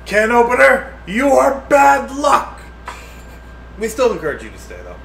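A drunk man with an extremely high, creaky, fairly bright voice, pitch swooping wildly, speaks a little slowly while co-hosting a livestream from a home kitchen. Tipsy, he banters, jokes and swears, picked up by a distant room mic that sounds roomy with faint noise.

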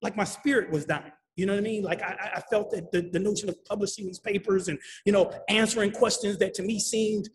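A man moderating a panel, animated and emphatic, often repeating himself and asking "right?". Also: high voice, fast talker, hardly any pauses. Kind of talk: panel discussion.

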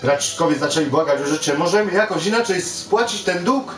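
A man's voice: fairly high pitch, a little fast. Father, reading game story aloud and coaching his son, with self-corrections. Echoey room, distant mic. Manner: reads aloud with stumbles and self-corrections, animated on quoted lines. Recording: roomy, distant mic, game music behind. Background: video game music.

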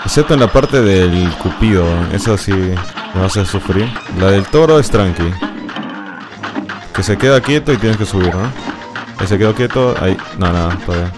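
A low-voiced man speaking at normal speed gives running commentary on a live game stream. He's excitable, muttering, shouting commands at his character, and yelping or laughing at mishaps, his voice streamed over loud game music.

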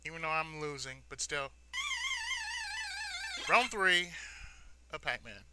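This gaming-video host has a fairly high, lively voice and speaks slowly. He rambles through his let's-play in a casual, sentimental way, often repeating himself, while arcade-style game sounds make the recording noisy.

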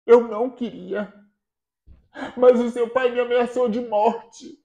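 A woman's voice: fairly high pitch, steady tone, slow, gravelly, dark tone, dull audio, pitched above the performer's own voice. Sônia, a guilt-ridden nurse, voiced by a woman. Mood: fearful. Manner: pleading, apologetic. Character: remorseful frightened woman nurse, middle-aged.

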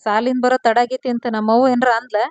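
A woman voicing a gruff but worried young village husband with a North Karnataka accent, talking bluntly in rustic questions. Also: on the high side, flat delivery, quick pace, darkish tone, no room sound, highs cut off, close to an everyday voice. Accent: North Karnataka Kannada.

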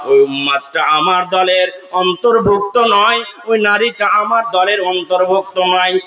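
A man preaching a fiery sermon in a high, bright voice. He takes his time over each phrase, drawing words out. He swells into sung chanting and shouts at the peaks. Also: measured pace, muffled recording. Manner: impassioned, slips into sung chanting and shouted climaxes; asks the audience call-and-response questions. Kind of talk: Bengali waz sermon with chanted Arabic verses.

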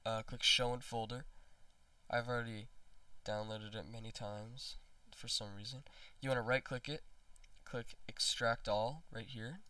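A man's voice: mid-range voice, steady tone, measured pace, sharp tone, dry recording, distant mic. A young man with a congested voice, rambling through a casual screen tutorial with many ums and restarts. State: congested after being sick. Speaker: tutorial maker.

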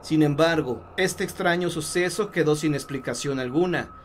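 A man from Mexico narrating scripted horror stories in a slow, measured way with dramatic pauses. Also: on the high side, slight background noise.

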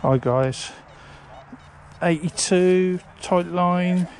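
British guy slowly talking through a dig, kinda high voice, a bit off mic. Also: darkish tone. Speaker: metal detectorist. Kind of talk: casual narration while digging.

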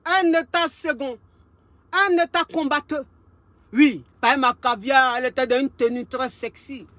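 A woman relationship coach tells a story in a casual monologue. Her voice sits high, and she loves to repeat lines and drop in street slang. The recording is dry, with no room sound. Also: a little slow, no echo. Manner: lively, repeats phrases for emphasis, street slang.

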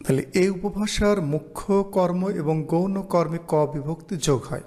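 A man teaching an online lesson, explaining slowly and reading out example phrases. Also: high-pitched, a little mellow. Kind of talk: online lecture.

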